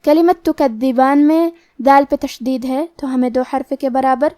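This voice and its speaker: Woman w/ high voice teaching tajweed, slow careful explaining, dry close sound. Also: mellow, no echo. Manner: slow, deliberate explanations with recited words drawn out. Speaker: Quran recitation teacher. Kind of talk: tajweed lesson, explaining rules.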